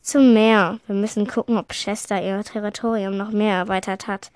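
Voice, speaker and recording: A woman reading a grim, commanding warrior cat from a storybook, dry close sound, fairly high. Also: animated, normal speed, warm tone, no room sound, natural voice.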